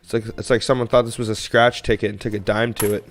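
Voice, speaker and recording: Sorting coins on a livestream, a young man from Canada rambles casually to his viewers at a quick pace. His voice sits on the low side and stays level in tone.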